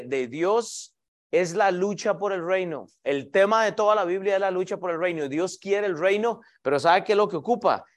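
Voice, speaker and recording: A man preaching in a church with a voice pitched higher than most men's. He addresses the congregation directly, often restarting his phrases. He poses rhetorical questions and answers them himself. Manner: preaching with frequent "hermanos" asides and repeated restarts. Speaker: pastor. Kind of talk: sermon.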